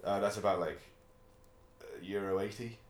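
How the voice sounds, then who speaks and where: Low-voiced man with an easygoing, rambling delivery in an echoey room. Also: fairly even intonation, normal speed. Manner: rambling storyteller, laughs often. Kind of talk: casual chat.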